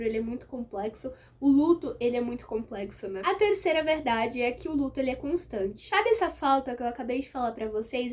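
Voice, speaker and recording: A woman's voice: high-pitched, darkish tone. A young adult woman with a Brazilian accent hosts a personal vlog, explaining things emphatically and speaking directly to her viewers. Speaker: YouTube host.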